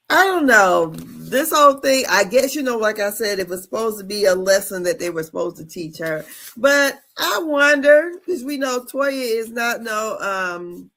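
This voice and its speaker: A woman co-hosting a casual recap chat, musing in a halting way and trailing off between thoughts. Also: medium pitch, fairly bright tone. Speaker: co-host of a reality TV recap show.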